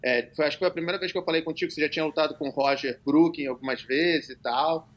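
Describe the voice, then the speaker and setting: Middle-aged man, high bright voice, loose and profane storyteller. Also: fast. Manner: loose, profane anecdote-telling with laughs. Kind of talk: casual chat.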